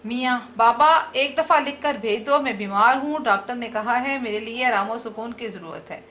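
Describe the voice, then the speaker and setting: Woman reading as a busy, flustered housewife from a comic play, fussy and scolding, high bright voice. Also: normal speed, close to an everyday voice. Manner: fussy, scolding read-aloud lines.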